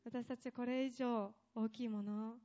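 A woman's voice: on the high side, steady tone, normal speed, warm tone, muffled recording, faint music behind. Impassioned woman preaching a sermon. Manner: impassioned, rising to emphatic lists.

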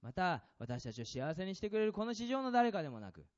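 A man preaching a sermon as a pastor, asking the congregation questions and swinging between loud and soft passages. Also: high voice, sing-song, brisk, lo-fi sound.

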